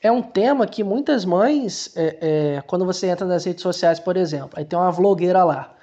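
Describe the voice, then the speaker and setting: A man's voice: sits high, normal speed, warm tone, highs cut off. A man with a Brazilian Portuguese accent, giving casual book commentary and talking straight to the viewer in a colloquial way, with many restarts.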